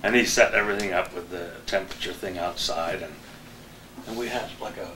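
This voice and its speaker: An older man who spent years as a TV weatherman reminisces casually, chuckling through anecdotes in a deep, slightly fast voice. The room sounds echoey, with faint background noise.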